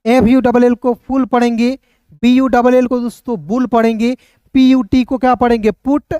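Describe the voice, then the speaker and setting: High-voiced teacher quizzing viewers. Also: male voice, little pitch movement, moderate pace, warm tone, clear, resonant tone, no echo, lo-fi sound. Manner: repetitive, asks and answers his own questions, addresses viewers as brother and friends. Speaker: English teacher. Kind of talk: online spoken-English lesson.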